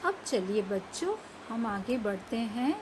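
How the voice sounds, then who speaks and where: A woman teaching a children's reading lesson, stretching each word out slowly and then explaining its meaning to the class. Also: fairly high pitch, very animated, noisy background. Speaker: primary school Hindi teacher.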